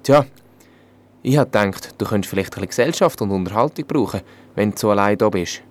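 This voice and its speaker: A man voicing a clever young minstrel who talks in a lively, friendly, smooth way. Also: on the low side, fast talker, close to an everyday voice. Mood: smooth-talking. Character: clever young male minstrel, cheeky and bold.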